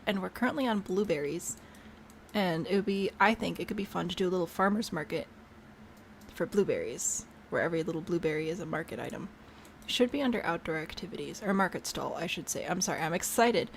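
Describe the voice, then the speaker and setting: A woman's voice: lowish voice, fast, creaky, slight background noise. Chatty bubbly woman thinking aloud. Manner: chatty and bubbly, talks to herself, trails off. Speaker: game streamer. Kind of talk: casual chat while building in a game.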